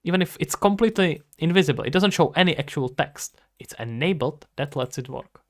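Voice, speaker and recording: A Czech man in his twenties, a streamer and indie game developer whose first language is Czech, chats casually on a livestream while working at his indoor computer, thinking aloud to himself and his viewers. His gravelly voice is fairly high, with lively intonation and a slightly fast pace.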